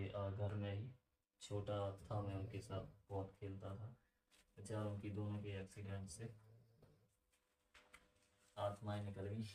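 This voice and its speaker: A man's voice: on the low side, warm tone, far from the mic. Chatty man teaching in an echoey room. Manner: chatty, asks students questions and digresses. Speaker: computer teacher. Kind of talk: casual classroom lesson.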